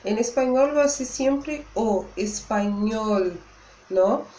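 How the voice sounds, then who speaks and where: A woman teaches a language lesson, explaining patiently, slowing down to model words and checking in with her students. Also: on the high side, mellow, echoey room, slight background noise. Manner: switches between two languages, checks in with "né?". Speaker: Spanish teacher.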